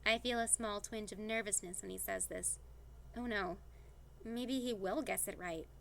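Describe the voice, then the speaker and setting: A woman reading a young adult novel aloud in the first person, with an expressive, playful delivery. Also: medium pitch, normal speed, gravelly, slight background noise. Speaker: audiobook reader.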